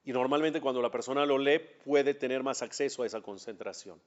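A man's voice: medium pitch, a little fast. A man, a rabbi giving a class, who asks his students rhetorical questions and answers them himself in a conversational way. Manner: conversational, addresses students directly. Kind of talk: religious class lecture. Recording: dull lo-fi class recording.

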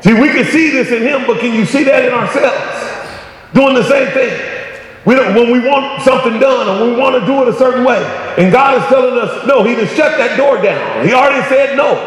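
High-voiced male preacher in an echoey hall. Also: lively intonation, a little fast. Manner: call-and-response preaching, "come on, somebody"; rising to shouts on key points. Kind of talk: sermon. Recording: echoey hall with long reverb.

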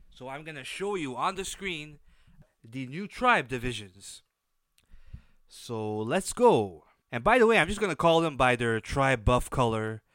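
Blocked up from sinus trouble, a solo host recaps things casually and with emphasis in a nasal, stuffed-up voice. His pitch is medium and his tone bright and forceful. No room sound comes through.

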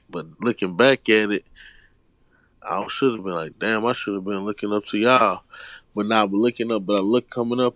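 A man's voice: fairly low pitch, fairly bright tone, no room sound. A man in his thirties from Houston with a Southern drawl, talking loosely and slangily as a guest rapper in an interview. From Houston, Texas. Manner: laid-back, slangy, rambling with restarts. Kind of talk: casual interview chat.

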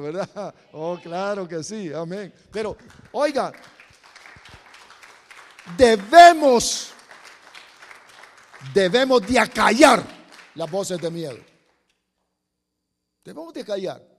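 A man preaching a sermon as pastor, breaking into sudden loud exclamations and acting out quoted voices. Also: sits high. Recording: long reverb of a hall.

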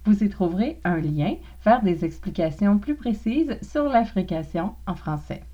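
Slow, careful Québécois woman teaching pronunciation. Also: mid-range voice, expressive, warm tone, highs cut off. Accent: Québécois French. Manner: slow, careful, demonstrates sounds. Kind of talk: podcast lesson.

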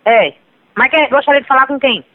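A woman's voice: high voice, fairly quick. A woman heard over a phone line, talking in an indignant, scolding way. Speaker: prank call victim.

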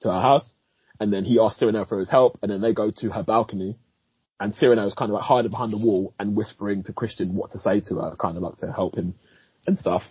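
A husky-voiced man rambles through a film recap in casual podcast chat, animated and swearing freely, laughing as he goes. The sound is dry and a little dull, like a lo-fi home recording. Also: lowish voice, quick pace, no room sound. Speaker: podcast co-host, film critic.

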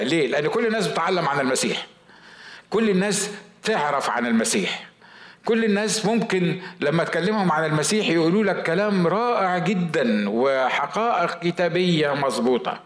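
A man with an Egyptian Arabic accent, preaching a sermon with a somewhat high voice. He drives points home by repeating key phrases. His voice rings in an echoey church hall. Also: a bit bright. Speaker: pastor.

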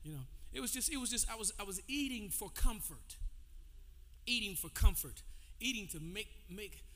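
In a church sanctuary with long hall reverb, a pastor in his forties preaches a loose, conversational sermon, calling out to the congregation between testimony. His voice sits high, sharp and animated, at a moderate pace.

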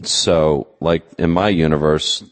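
A man with a very low, deep voice hosts a casual interview. He asks his questions in an easygoing way and teases his guest along the way. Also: steady tone, slow pace. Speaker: interview host.

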